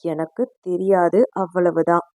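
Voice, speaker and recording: Jittery stubborn young guy, voice dropped low, a lady reader doing him. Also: level tone, unhurried, a little mellow, no echo, lightly acted. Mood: defiant. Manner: low, nervous denials. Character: scared, stubborn young man hiding a secret.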